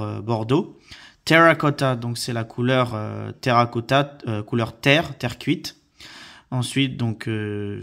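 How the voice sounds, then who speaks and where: Hesitant man teaching vocabulary slowly. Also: medium pitch, creaky, a bit bright. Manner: hesitant, many fillers, slow careful word repetition. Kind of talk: slide-based vocabulary lesson.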